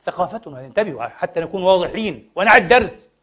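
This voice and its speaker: A man preaching a sermon lesson, addressing the brothers with rhetorical questions and swinging between loud outbursts and quiet asides. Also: high voice, expressive, fast. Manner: impassioned, rhetorical questions to the audience.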